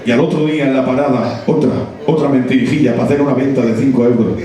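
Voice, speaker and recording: A man preaching a sermon, impassioned and building to shouts with repeated phrases. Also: medium pitch, steady tone, fast, crowd noise. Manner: impassioned, rising to shouted, repetitive emphasis. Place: church hall. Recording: very echoey church hall, mic far off.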